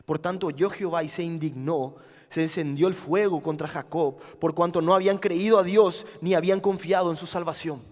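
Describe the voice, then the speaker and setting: A man with an Argentine accent preaching a camp sermon, swinging between loud dramatic outbursts and hushed, quiet pleading. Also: a little high, steady tone, fairly quick. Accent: Argentine Spanish. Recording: long hall reverb.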